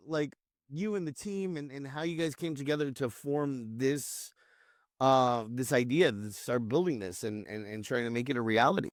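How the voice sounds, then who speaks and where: A man's voice: fairly high pitch, a bit bright, no room sound, clean studio sound. Man hosting a casual chat. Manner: rambling, restarts sentences, chuckles. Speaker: community host.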